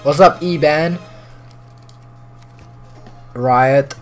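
A man's voice: fairly high pitch, drawn-out words, faint music behind. A teenage boy streaming a racing game and chatting with viewers, his breaking voice cracking as he goes. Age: teens. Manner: excitable, chatty, prone to voice cracks. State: voice breaking with puberty. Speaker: gaming streamer. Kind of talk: live gameplay commentary.

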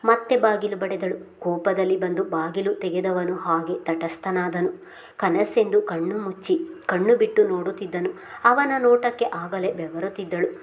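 A woman reading a serialized romance novel aloud in a steady, unhurried way. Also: fairly low pitch. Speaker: narrator.

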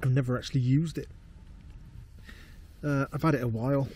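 Relaxed man vlogging outdoors. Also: moderate pace, slight background noise. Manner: relaxed, low-key, talking to camera. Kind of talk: casual solo camping vlog. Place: tarp shelter in a field at night, then walking outdoors. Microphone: handheld camera close up.

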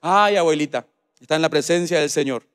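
A male pastor with a Paraguayan Spanish accent preaching a sermon, swinging between quiet, low passages and loud, repeated calls to his listeners. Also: a little fast, clean tone.

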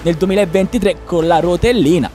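A young man with a sore throat, teasing a friend in excitable gaming commentary. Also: high-pitched, brisk, faint music behind. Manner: teasing, excitable, shouts at gameplay. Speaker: streamer host.

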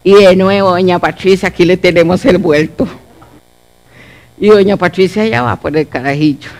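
Woman, Costa Rican accent, middle-aged, church testimony, animated storytelling, acts out dialogue. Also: lowish voice, moderate pace. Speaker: church speaker.

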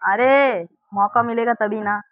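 A man, giving loud, excited commentary on his own gameplay as a channel host and calling out to his opponent. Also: high-pitched, a little slow, no echo, narrow, tinny audio. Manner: loud, exclamatory, bossing his opponent around.

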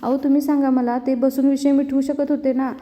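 An anxious young daughter-in-law, polite and pleading, as a woman reads her lines. The voice is high and very mellow. It sounds dull and roomy. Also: level tone, fairly quick, lightly acted. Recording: dull, reverberant room recording.

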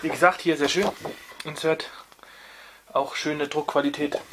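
A man's voice: fairly high pitch, steady tone, measured pace, noisy background. A young man hosting a casual record review, talking off camera with many fillers and restarts. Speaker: vinyl review channel host.

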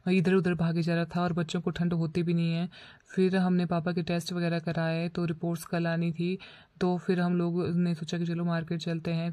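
Mellow, flat-voiced woman narrating her vlog. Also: fairly low pitch, dry recording. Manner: relaxed storytelling with frequent "uh" fillers. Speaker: vlogger. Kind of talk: voice-over narration of a daily vlog.

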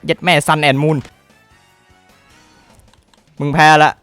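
A young man giving profane, excitable commentary over his own gameplay, swearing constantly and shouting at the game. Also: on the high side, drawn-out words, no room sound, faint music behind. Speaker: gaming YouTuber.

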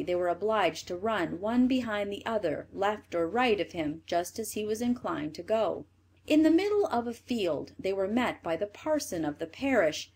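A woman reading a fairy tale aloud in an expressive storybook manner. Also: medium pitch, husky.

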